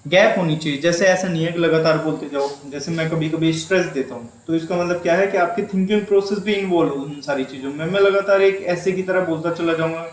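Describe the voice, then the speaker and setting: A man's voice: fairly high pitch, quick pace, hardly any pauses. A male teacher with a Hindi accent giving an exam-prep lecture, repeating key terms and asking and answering his own questions while mixing English words into his talk. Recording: echoey room.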